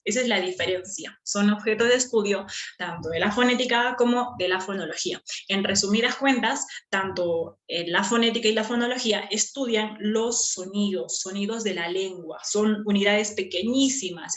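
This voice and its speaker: A woman teacher explaining a lesson patiently, repeating key terms and checking that students follow. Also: mid-range voice. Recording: echoey room.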